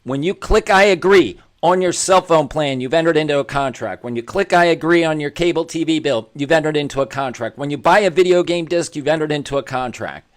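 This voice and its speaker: A man with a voice pitched a little high for a man hosts an opinionated commentary show, delivering a monologue a little fast with few pauses. His style is emphatic and preachy, repeating points to hammer them home. He's blunt, including about himself, in a self-deprecating way.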